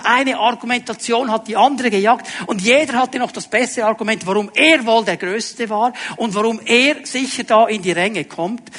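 A man preaching a sermon, asking his listeners direct questions and dropping to a hushed voice for emphasis. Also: sits high, in a large hall. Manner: dramatic, drops to a hushed voice for emphasis.

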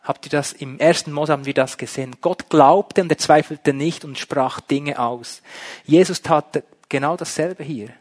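A man preaching a sermon, emphatic, shifting between loud and soft. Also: a little high, moderate pace. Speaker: pastor.

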